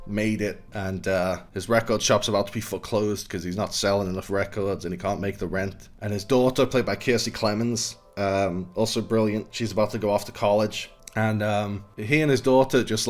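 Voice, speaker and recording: A young man chatting casually through film reviews, rambling with fillers and little laughs. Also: lowish voice.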